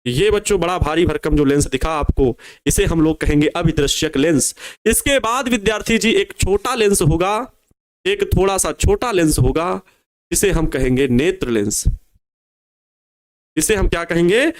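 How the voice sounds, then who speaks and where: A young man teaching physics in a board exam crash course, repeating key phrases slowly for students to write down and coaxing them with casual asides. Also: on the high side, lively intonation. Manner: casual asides calling students babua and babu.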